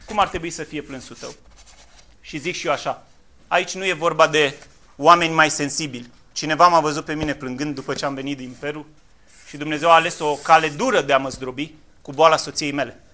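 A man preaching a fiery sermon in a church, swinging from quiet, low passages to loud, impassioned appeals. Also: fairly even intonation.

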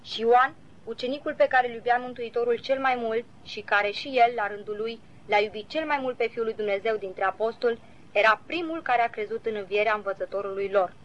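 A woman reading a devotional Bible commentary aloud in a measured, earnest way, citing verses as she goes. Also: a little high. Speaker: Bible teacher. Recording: slightly dull lo-fi recording.

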